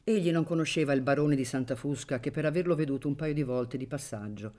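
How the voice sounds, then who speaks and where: A woman reading a classic novel aloud for radio, in a measured, expressive way. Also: sits low. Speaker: reader of a novel. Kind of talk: literary audiobook reading on radio.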